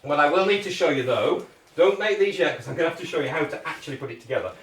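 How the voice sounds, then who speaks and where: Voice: mid-range voice, expressive, racing. British kids' party magician, echoey and distant. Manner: kids' party magician patter, encouraging and jokey; checks often with short questions to the group. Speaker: children's party magician leading a craft activity. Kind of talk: hands-on step-by-step instruction to children. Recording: echoey room, distant microphone.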